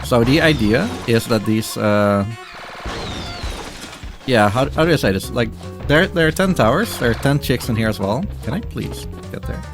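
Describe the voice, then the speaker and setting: Over game music, a male speedrunner gives casual live gameplay commentary that rambles, halts, and keeps interrupting itself. His voice is mid-range and expressive.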